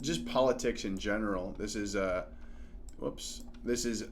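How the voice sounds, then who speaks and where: A man's voice: on the low side, unhurried, slight background noise. Rambling man hosting a chat. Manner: loose, rambling, many fillers. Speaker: podcast host. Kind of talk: casual political chat.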